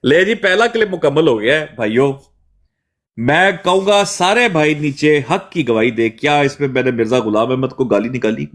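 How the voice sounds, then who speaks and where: A man's voice: a little high, animated, moderate pace, fairly bright tone. A man hosting a heated religious debate stream, accusing and lecturing. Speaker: host reviewing clips.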